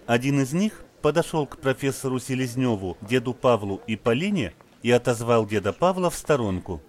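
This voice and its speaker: A man's voice: medium pitch, lively intonation, a little fast. A man reading scripted audio description of on-screen film action as a narrator.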